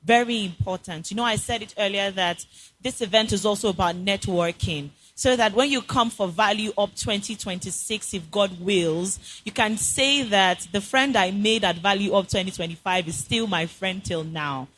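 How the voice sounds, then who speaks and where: A woman's voice: mid-range voice, normal speed, fairly bright tone, poor audio. A woman hosting an event as MC with polished corporate enthusiasm, rallying and exhorting the audience. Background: music.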